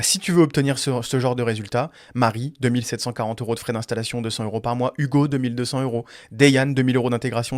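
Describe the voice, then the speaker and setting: A man giving business advice in a video, blunt and direct, addressing the viewer and swearing casually. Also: mid-range voice. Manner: speaks straight to the viewer. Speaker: business coach.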